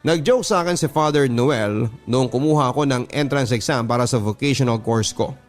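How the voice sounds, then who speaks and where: A man with a Filipino accent hosts a radio story program, speaking at medium pitch and a moderate pace. He reads listener letters as dramatic first-person narration, with background music playing under his voice.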